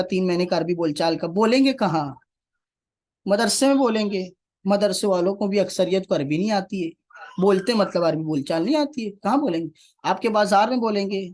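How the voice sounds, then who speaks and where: A man teaching Quranic Arabic, repeating key phrases and putting rhetorical questions to his class. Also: high-pitched. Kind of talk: classroom lecture.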